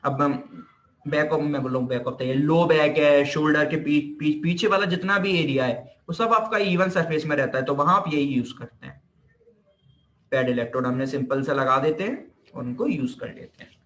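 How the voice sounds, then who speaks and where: This Indian-accented man teaches physiotherapy at a moderate pace, his voice high-leaning and fairly bright. His relaxed explanatory lecture combines Hindi and English terms, with repeated points and self-answered questions, captured in an echoey room.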